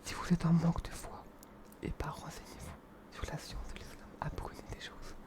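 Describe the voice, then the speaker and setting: A young man whispering in a hushed, breathy library whisper as he presents books in an informal, earnest, hesitant ASMR style. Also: on the high side, big pitch swings, moderate pace.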